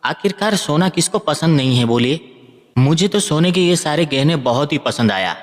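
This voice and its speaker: A man's voice: on the high side, animated, normal speed, close to an everyday voice. A man voicing a greedy young man who talks in a scornful, cocky way, with a long hall reverb on the recording.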